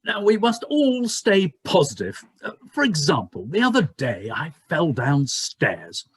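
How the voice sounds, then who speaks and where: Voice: mid-range voice, big pitch swings, unhurried, slightly rough, no room sound. An actor playing a relentlessly cheerful, bumbling leader in a comic pantomime, pompous and blustering. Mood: cheery.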